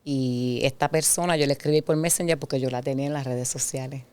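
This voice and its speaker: In a dry recording, a middle-aged guest recounts her testimony quickly in a clear, resonant bass voice. She tells the story with animation, performing the old dialogue as she goes.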